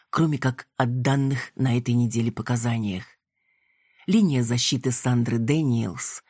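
Male audiobook narrator, husky tone, dry close sound, measured delivery. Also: mid-range voice, darkish tone, no room sound. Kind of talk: scripted first-person audiobook narration.

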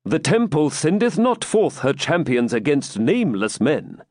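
A man's voice: on the high side, big pitch swings, a little slow, darkish tone, no room sound, studio quality, full character voice. A man reading aloud and voicing a stern knight who speaks in a haughty, formal way.

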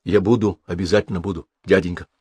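A man's voice: deep voice, fairly even intonation, fast, mellow, breathy edge, no room sound. A man voicing an earnest village boy. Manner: earnest, eager.

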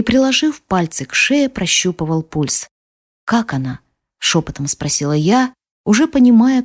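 Expressive female audiobook narrator, dry sound. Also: mid-range voice, dry recording. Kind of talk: first-person audiobook narration.

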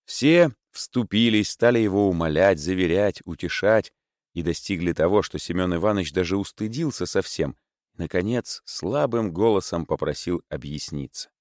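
A man narrating a classic novel as an audiobook, measured and even. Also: sits low, no room sound, clean studio sound.

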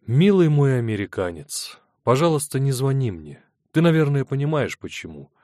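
Guy reading as a soft loving young woman, letter in an audiobook. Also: medium pitch, sing-song, normal speed, dry recording, clean studio sound, pitched above the performer's own voice, close to an everyday voice. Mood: tender. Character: tender young woman writing to her lover.

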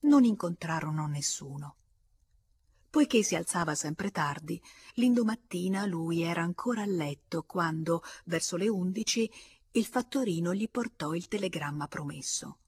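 A woman reading a classic novel aloud as an audiobook, narrating in a measured, expressive way with an Italian accent. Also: lowish voice, slight background noise. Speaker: audiobook reader.

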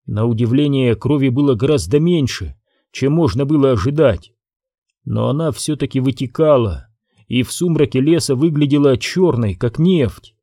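A man reading an audiobook in a measured, expressive storytelling manner. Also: medium pitch, no echo, studio quality. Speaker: audiobook narrator. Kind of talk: scripted audiobook narration.

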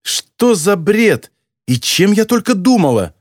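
A man reading an audiobook, voicing an angry young woman in a high, exasperated voice. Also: big pitch swings, slow pace, dry recording, clean studio sound, exaggerated voice. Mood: muttering, annoyed. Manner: shrill, exasperated yelling.

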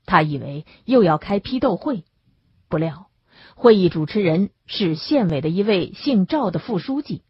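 Husky woman narrating an audiobook. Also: lowish voice, normal speed, no echo. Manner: expressive storytelling. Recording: dull lo-fi dry recording.

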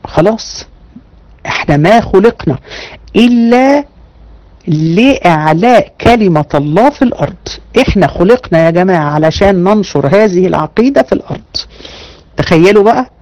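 A woman with an Egyptian Arabic accent gives an online religion lesson to her women students. Her delivery is lively and conversational, full of rhetorical questions to the class. She slows down and leans on the points she wants them to remember. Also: fairly low pitch, low-quality recording. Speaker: religion teacher.

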